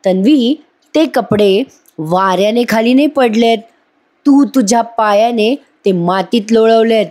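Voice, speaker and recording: A woman with a slightly high, somewhat mellow, near-everyday voice plays a stern elderly grandmother who heads the household in a serial recap. At a measured pace, she scolds and issues commands.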